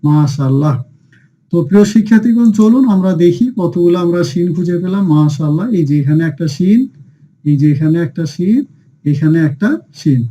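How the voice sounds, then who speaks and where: A Quran teacher with a high, mellow male voice runs a reading lesson at a brisk clip, quizzing students, answering his own questions, and leading them in repeating letter names. The audio is dull and lo-fi, with a little hiss or hum.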